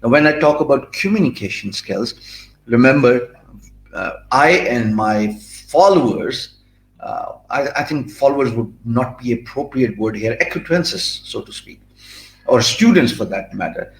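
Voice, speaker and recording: An animated, gravelly, medium-pitched voice belongs to a middle-aged Pakistani interview guest whose first language is Urdu. His Pakistani-accented English flows fluently despite heavy fillers, frequent restarts, and emphatic pauses, captured in poor audio with roomy sound and a little hiss or hum.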